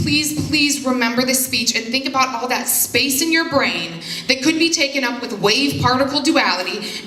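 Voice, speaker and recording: A woman's voice: high voice, pushed and bright, a little hiss or hum. Brief: young woman speaking on stage, candid and self-mocking, echoey room. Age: young adult. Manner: candid, self-deprecating humor. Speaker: foundation spokesperson. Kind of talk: personal speech to an audience. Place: stage before a live audience.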